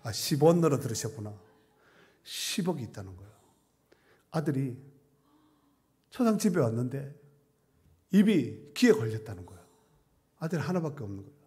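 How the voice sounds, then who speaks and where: A man's voice: medium pitch, big pitch swings, moderate pace, pauses often, warm tone. A middle-aged man, a pastor, preaching a sermon in a church, telling stories conversationally and reading scripture with rising emphasis. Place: church sanctuary.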